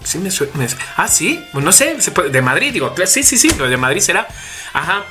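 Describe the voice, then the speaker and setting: A man with a Spanish accent from Spain, co-hosting a casual podcast chat and telling stories lively, acting out each person's lines. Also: fairly high pitch, fairly quick, over music. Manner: animated storyteller acting out dialogue. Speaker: podcast co-host.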